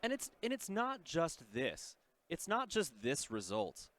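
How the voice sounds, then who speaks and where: Man, tournament caster, excitable play calls, headset mic. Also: on the high side, a little slow. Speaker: play-by-play commentator. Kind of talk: esports card game commentary.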